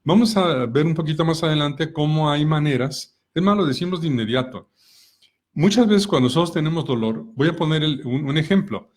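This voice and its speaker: Calm man explaining with examples. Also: a little high, fairly quick. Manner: calm, explanatory, asks many rhetorical questions. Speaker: co-host of a personal growth talk.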